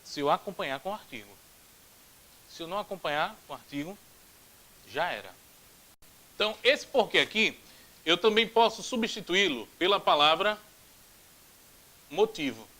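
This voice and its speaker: A Brazilian-accented man teaching grammar in a video lesson, his voice pitched high and swinging widely. He drills examples aloud over and over and throws in playful jokes. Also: moderate pace, long pauses, poor audio. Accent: Brazilian Portuguese. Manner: animated, repeats drills aloud, jokey asides. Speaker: Portuguese teacher.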